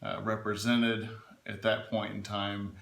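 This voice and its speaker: A man's voice: on the low side, little pitch movement, unhurried, vocal fry, a bit bright. A man giving informal, explanatory advice in an interview, speaking emphatically and often checking that he is understood. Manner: emphatic, checks in with "right?" and "okay?". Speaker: legal adviser being interviewed. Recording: echoey room.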